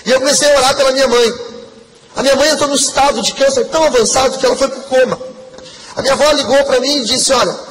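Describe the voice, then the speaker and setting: A man's voice: very high-pitched, a bit bright. A man giving an earnest, emotional testimony sermon to a congregation. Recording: long hall reverb, faint background noise.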